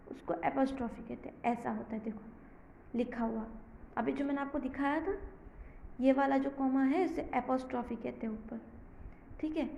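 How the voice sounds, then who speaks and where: A woman teacher with an Indian accent explaining a grammar lesson to young children, slowly and patiently, reading example sentences word by word. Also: sits high, vocal fry, warm tone, lo-fi sound. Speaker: school teacher. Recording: echoey room, faint background noise.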